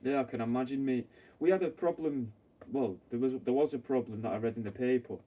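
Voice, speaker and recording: This young man's mid-range voice moves briskly as he works as a taxidermist, talking bluntly, wandering off topic, and cursing frequently. The sound is phone quality, recorded from a distant mic with a little background noise.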